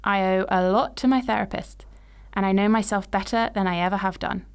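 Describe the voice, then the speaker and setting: Her intonation fairly even, a woman in her late twenties reads her personal story aloud in the present tense for her podcast. She has a smooth, clear, middle-pitched voice and a measured, reflective manner.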